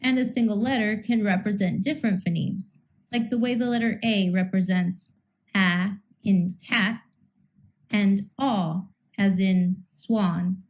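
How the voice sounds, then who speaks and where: A woman reading a scripted teaching lecture in a measured way, slowing down to sound out individual speech sounds. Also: medium pitch, steady tone, darkish tone, poor audio. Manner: measured, slows to sound out phonemes. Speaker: instructor.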